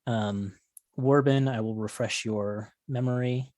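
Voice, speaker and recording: A man working as game master, narrating a tabletop role-playing game in a casual, halting way. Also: mid-range voice, fairly even intonation, darkish tone, dry recording, studio quality.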